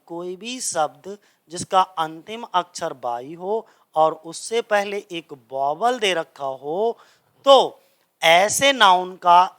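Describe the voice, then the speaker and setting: A man's voice: sits high, sharp tone, smooth. A man teaching English grammar in a coaching class, speaking. He keeps asking the class a question and then answering it himself.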